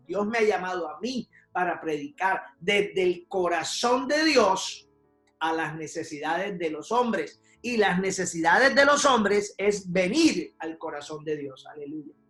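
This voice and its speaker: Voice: mid-range voice, expressive, moderate pace, few pauses, a bit bright. A preacher delivering a sermon to a congregation, emphatic and full of rhetorical questions and repeated checks for agreement. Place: church sanctuary. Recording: roomy church hall with faint music.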